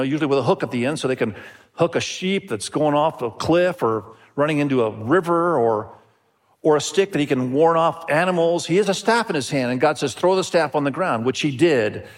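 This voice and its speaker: Earnest pastor preaching a sermon. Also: male voice, on the high side, animated, brisk. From Indonesia. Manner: earnest, repeats phrases, calls out to the congregation.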